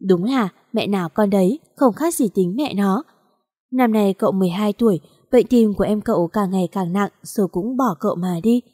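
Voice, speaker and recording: A woman narrating a sad story in a slow, mournful reading style. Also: medium pitch, dark tone, no echo, clean studio sound. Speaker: audiobook narrator.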